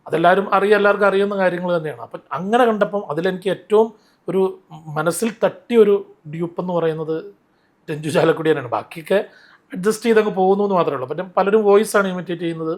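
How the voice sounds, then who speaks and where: A man telling stories in an interview, animated and rambling, often restarting his sentences. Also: high-pitched, quick pace. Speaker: interview guest, mimicry artist. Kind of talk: casual interview storytelling.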